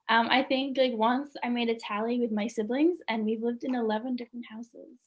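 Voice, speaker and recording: A woman's voice: fairly high pitch, fairly even intonation, moderate pace. A young woman from Australia, a student artist answering interview questions in a chatty way, full of "like" and small laughs. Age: young adult. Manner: chatty, many "like"s, laughs often. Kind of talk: casual interview chat.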